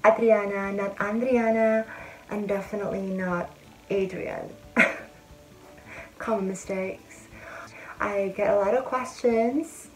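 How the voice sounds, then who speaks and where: A young woman vlogger chats to the camera in a friendly, casual way, offering step-by-step advice. Her voice is medium-pitched, the audio is poor, and she sits in an indoor room with a bead curtain behind her.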